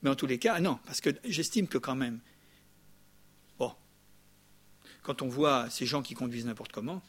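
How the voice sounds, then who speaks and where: An older man preaching a sermon in a lively, conversational way, often checking in with the congregation with quick asides. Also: medium pitch. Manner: lively, chatty preaching with frequent "hein?" asides. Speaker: pastor.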